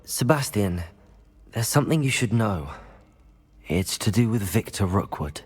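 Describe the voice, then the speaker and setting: A man's voice: on the low side, lively intonation, slightly rough. A man voicing a level-headed, supportive young student wizard with a British accent in a video game. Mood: grave. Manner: measured, reassuring. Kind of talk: video game cutscene dialogue.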